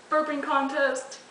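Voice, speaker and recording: A woman chatting casually with a friend at home, giggling often, caught by the camera's microphone. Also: high-pitched. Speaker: friend filming a burping contest. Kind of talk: casual chat. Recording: roomy, distant home-video audio with noise.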